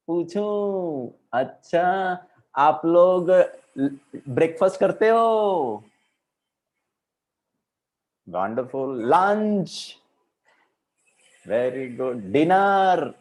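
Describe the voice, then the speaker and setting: A man's voice: high voice, darkish tone. A middle-aged man talking to children over a video call, playful, mixing Hindi and English and acting out small voices as he tells a story. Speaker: children's camp speaker.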